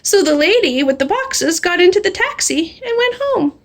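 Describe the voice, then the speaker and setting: High-voiced woman reading a picture book aloud. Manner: animated, drawing out refrains slowly. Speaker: storybook reader. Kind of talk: expressive read-aloud of a children's picture book.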